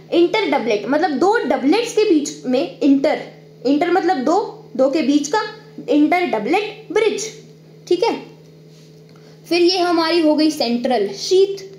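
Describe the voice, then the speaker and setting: A woman's voice: high voice, darkish tone, roomy sound. Woman, biology teacher, step-by-step explaining, faint background hiss. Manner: explains step by step, checks in with "ठीक है"; drawing on screen while talking. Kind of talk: online exam-prep lecture.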